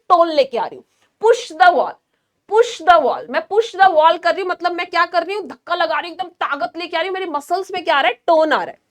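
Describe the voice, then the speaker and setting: Nursing tutor, woman, high voice, explains step by step while demonstrating. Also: fairly bright tone. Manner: asks the class questions, then answers them herself; explains slowly with hand demonstrations. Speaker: nursing exam teacher. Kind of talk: online class lecture.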